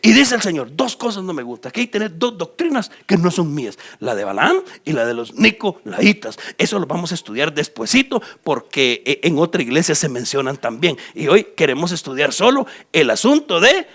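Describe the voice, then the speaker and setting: A man's voice: on the high side, fairly quick, few pauses, slightly rough. A man from Guatemala with a Guatemalan accent, preaching a sermon as pastor and talking straight to his listeners while pointing at a map. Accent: Guatemalan Spanish. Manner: animated, addresses listeners directly and points at a map.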